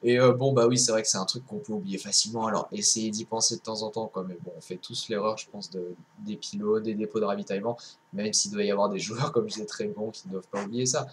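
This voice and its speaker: A man's voice: on the low side, fairly even intonation, fast, a little hiss or hum. A young man casually commenting his own strategy game match, rambling with lots of fillers and restarts. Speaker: gameplay commentator.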